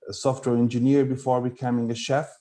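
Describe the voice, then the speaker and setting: A man from Chile speaks over a video call with a mellow, dark tone at an ordinary pitch. He answers questions in a measured, thoughtful way, pausing on fillers as he works through his points. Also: level tone. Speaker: culinary instructor. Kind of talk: online meetup interview.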